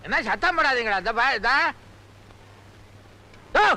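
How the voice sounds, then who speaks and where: A man's voice: very high voice, expressive, a little slow, sharp tone, full character voice. An actor playing a grumpy older man who grumbles at a wedding feast in a film comedy. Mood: complaining. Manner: grumbling, complaining, insulting.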